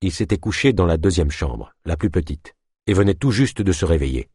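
Man, deep husky voice, lively swings, dry close sound, audiobook narration. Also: brisk, dry recording.

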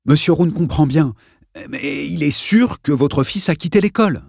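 Un homme qui lit un livre audio et prête sa voix à un policier posé et conciliant, qui tente d'apaiser la dispute. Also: male voice, fairly high pitch, animated, moderate pace, vocal fry, a little mellow, husky, no room sound, studio quality, voice pushed up, full character voice. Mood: apaisant. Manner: apaisant, conciliant.

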